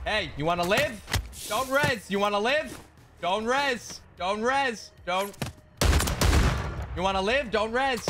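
A man streaming a shooter game, commenting loudly and teasing the strangers he meets. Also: high voice, lively intonation, slow pace, pauses often, very noisy. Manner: loud, playful, teasing. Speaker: gaming streamer. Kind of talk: excited gameplay commentary and trolling.

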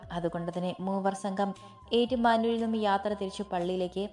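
Woman narrating a story over soft music. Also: medium pitch. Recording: faint background music.

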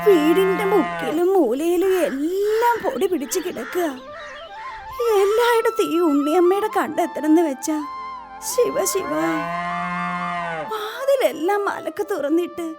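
A woman's voice: extremely high pitch, heavily acted. A woman voicing Unniyamma, a fussy, ailing mother in a Malayalam radio play, scolding and tearful, with a Kerala accent and music behind her. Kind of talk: radio drama acting.

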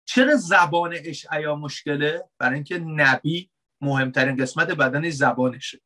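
Male pastor, fairly high and bright voice, relaxed conversational preaching with rhetorical questions. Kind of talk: sermon.

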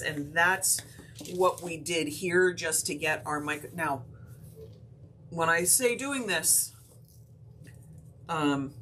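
A craft instructor, a woman with a low-pitched voice, teaches a technique on a live stream. She walks through each step in a relaxed, chatty way, full of fillers and small hiccups, with slight background noise behind her.

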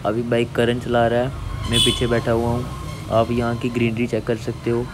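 This young travel vlogger from Jammu, India, talks at a moderate pace in a mid-range, completely flat voice, with music in the background. He casually shows viewers his surroundings while riding a motorbike and walking a hillside trail, in a noisy outdoor recording.

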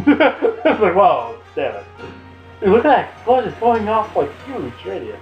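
A young man commentating gameplay in casual chat, excitable and loud, laughing often. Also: high-pitched, a little slow, highs cut off. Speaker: let's play commentator. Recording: echoey room with faint game music. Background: faint game music.

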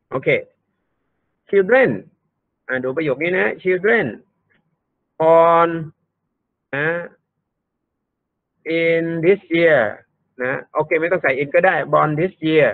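On a thin, dry, phone-like recording with no echo, a man with a higher-pitched voice tutors an English grammar lesson. He walks through it step by step and often repeats himself.

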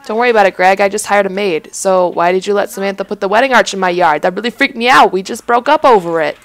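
A woman playing a blunt, sarcastic young man from a life sim game, irritated with his roommate. The voice has a gravelly edge and sounds dry and close. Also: medium pitch, quick pace, dry recording, lightly acted, poor audio. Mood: annoyed.

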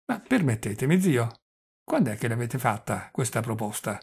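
A man's voice: sing-song, moderate pace, gravelly, husky, exaggerated voice. A man reading the part of an impatient young nephew who presses an old man with questions, in an audiobook. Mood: pressing. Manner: quieter, lower than the narration, pressing questions.

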